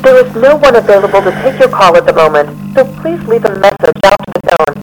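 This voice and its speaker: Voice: mid-range voice, fast, faint music behind. A recorded voicemail greeting voice, heard over a phone line, reading a formal office menu. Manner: even, formal announcement delivery.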